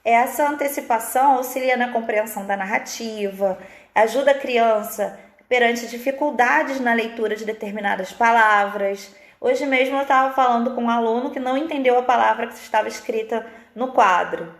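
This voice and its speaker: A middle-aged Brazilian woman teaches in a live online class, her voice sitting a little high. She explains patiently and keeps checking in with her listeners, and the room around her sounds echoey. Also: normal speed. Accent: Brazilian Portuguese. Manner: explanatory, frequent "né?" tags.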